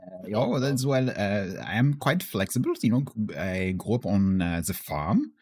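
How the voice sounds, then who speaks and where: A man voicing a naive, bumbling farmhand at a job interview, hesitant and halting in broken English. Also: fairly low pitch, sing-song, darkish tone, husky, exaggerated voice. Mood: earnest, unsure. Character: naive bumbling German farmhand job applicant named Klaus.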